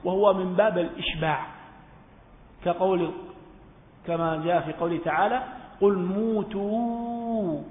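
High-pitched guy from yemen teaching a religious lesson, repeats his points, long hall reverb, tinny phone audio. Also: steady tone, moderate pace, pauses often. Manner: poses questions and answers them himself, repeating key points. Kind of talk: Islamic jurisprudence lesson. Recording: echoey hall over a phone-like line.

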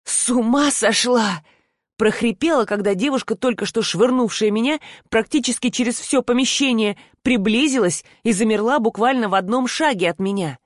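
Female audiobook reader, first-person novel, even delivery, dry close mic. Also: on the high side, brisk, hardly any pauses, no room sound. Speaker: audiobook narrator.

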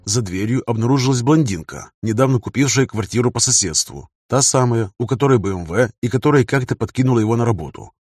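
A man narrating an audiobook in an even storytelling manner. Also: medium pitch, fast talker, hardly any pauses, slightly rough, dry recording, faint music behind. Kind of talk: scripted narration.

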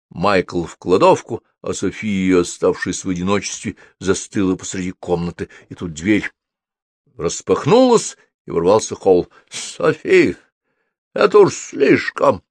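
A man narrating a storybook with an expressive, dramatic reading. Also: sits low, no echo, studio quality. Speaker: audiobook narrator.

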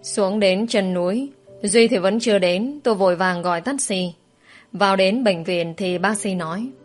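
A young woman calmly narrating a first-person story. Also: medium pitch, moderate pace. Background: faint background music.

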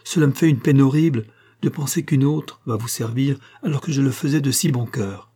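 A man's voice: mid-range voice, brisk, warm tone, slightly rough, close to an everyday voice. A man voicing a devoted orphan boy servant who speaks humbly and close to tears, in a read-aloud novel. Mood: humble, sad. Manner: humble, pleading.

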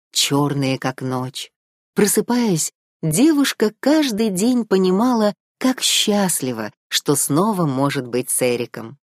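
A woman narrating a children's storybook in an expressive way. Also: low voice, no room sound, studio quality. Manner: expressive, rising and falling. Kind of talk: storybook reading.

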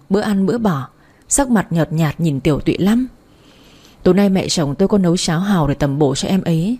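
A woman narrating a first-person story in a soft, emotional way. Her voice is husky and breathy, with a dark, mellow tone. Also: fairly low pitch.

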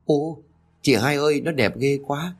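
A man's voice: a little high, unhurried, breathy edge, voice pushed up. A man voicing a caring younger sister in a spoken story, eager and comforting.

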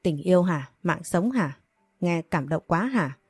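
A woman's voice: on the low side, expressive, measured pace, breathy edge, no echo, soft background music, full character voice. A woman reading as a furious scolding father. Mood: angry scolding. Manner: harsh, reproachful. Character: angry middle-aged father, shouting and scolding.

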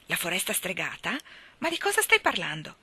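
Woman reading as a stern older guardian, brisk, scolding, lowered bright voice, storybook. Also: wildly swooping pitch, slightly rough, exaggerated voice. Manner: brisk, scolding, matter-of-fact.

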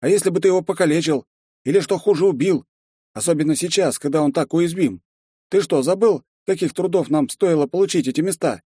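An indignant male lizard guard who lectures his partner, as a man voices him in an audiobook. The voice is lifted well above the reader's own, firm and loud. The recording is close and dry. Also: on the high side, animated, fairly quick, no room sound, pitched above the performer's own voice, natural voice. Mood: angry. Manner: indignant, scolding.

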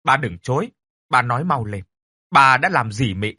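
A furious young son, barking sharp demands, as a man plays him. His voice is bright and a little husky, recorded close and dry. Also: mid-range voice, big pitch swings, fast, dry recording. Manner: shouting, demanding. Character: angry young adult son, harsh.

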